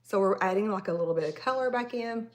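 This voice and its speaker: A woman's voice: mid-range voice, fast. A woman in her forties from Tennessee with a Southern accent, chatting casually with viewers while she does her makeup on a livestream. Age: 40s. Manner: chatty, rambling, addresses viewers directly. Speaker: makeup artist livestream host.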